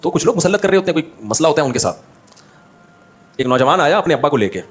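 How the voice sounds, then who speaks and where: Fast-talking man telling funny stories. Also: on the high side, slightly rough. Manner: animated anecdote-telling, acting out the people in his stories. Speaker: Islamic scholar giving a talk. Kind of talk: humorous storytelling in a religious talk.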